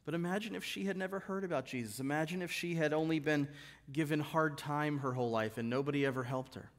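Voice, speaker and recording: A middle-aged man preaching a sermon in a church, retelling stories and dropping his voice low and soft for quoted lines. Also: quick pace. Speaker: guest preacher. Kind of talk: sermon with storytelling. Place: church sanctuary.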